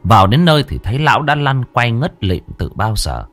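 A man narrating a ghost story in an expressive, suspenseful way. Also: mid-range voice, brisk, soft background music.

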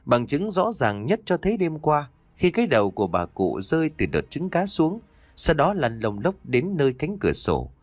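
A man's voice: a little high, moderate pace, no echo. Man narrating a horror story expressively. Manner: dramatic, expressive reading.

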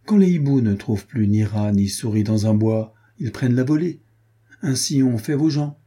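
A man's voice: medium pitch, animated, normal speed, dark tone, husky. A man reading an audiobook voices an ironic, teasing young nobleman and swordsman.

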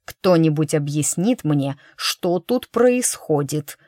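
A woman's voice: sits low, expressive, slow pace, warm tone, dry recording, studio quality. A woman voicing a stern, curt king in an audiobook. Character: stern middle-aged king, gruff and commanding.

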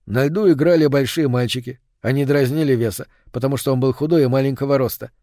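A man reading a dark story aloud as an audiobook narrator, measured and steady. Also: mid-range voice, no echo, clean studio sound. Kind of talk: scripted narration.

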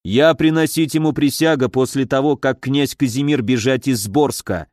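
A man's voice: mid-range voice, moderate pace, a little mellow, no echo, studio quality, natural voice. A man narrating an audiobook voices a proud adult German mercenary captain who speaks broken Russian with a German accent, blunt and defiant. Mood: plain.

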